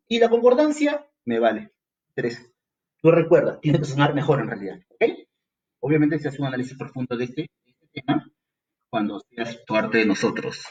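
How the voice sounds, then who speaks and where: Peruvian guy teaching grammar, talks right at you, asks questions n answers them, kinda dull lo-fi sound. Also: mid-range voice. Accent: Peruvian Spanish. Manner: lively, talks straight to the student, acts out student questions. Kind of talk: exam-prep grammar lesson.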